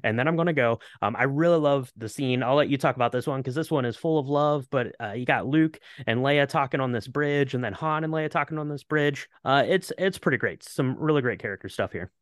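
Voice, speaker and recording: A man co-hosting a podcast, retelling film scenes in a relaxed, goofy way. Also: medium pitch, brisk, few pauses, no echo, studio quality. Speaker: podcast co-host. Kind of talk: casual chat.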